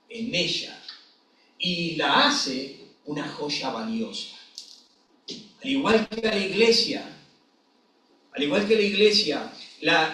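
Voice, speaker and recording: Male pastor, slow deliberate sermon delivery with a high voice, recorded distant in a very echoey room. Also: fairly bright tone. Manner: emphatic preaching with repeated phrases. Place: church hall. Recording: echoey church hall from far off.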